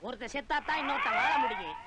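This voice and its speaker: A man's voice: very high voice, huge pitch swings, racing, over a noisy crowd, full character voice. An actor playing a bossy, scheming comic servant who bullies his sidekick in a film comedy.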